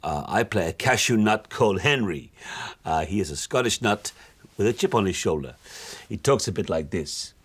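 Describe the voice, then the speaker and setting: A self-absorbed, oblivious rock musician in a mockumentary, rambling on in a flat, deadpan voice. He drifts between thoughts with small hesitations, never noticing how absurd he sounds. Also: lowish voice, normal speed, slightly rough. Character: vain, oblivious middle-aged male rock musician. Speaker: aging rock star. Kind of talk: mockumentary monologue.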